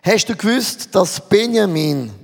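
High-voiced Swiss German pastor preaching. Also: male voice, animated, measured pace, big-room sound. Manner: rhetorical questions, preaching to a congregation. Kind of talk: sermon.

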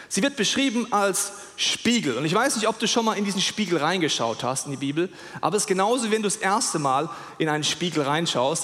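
Male preacher, high voice, very lively delivery, echoing church hall. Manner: animated, talks straight to listeners with questions. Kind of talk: sermon. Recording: long hall reverb.

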